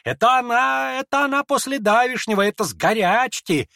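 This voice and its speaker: A man voicing a hot-tempered, proud older noblewoman who scolds in shrill, impetuous outbursts in a dramatized audiobook reading. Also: expressive, moderate pace, gravelly, sharp tone, no echo, clean studio sound, exaggerated voice. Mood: agitated.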